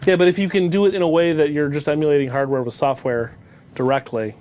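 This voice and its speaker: A male co-host in casual chat, tossing in quick jokes and quips. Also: a little high, steady tone, darkish tone.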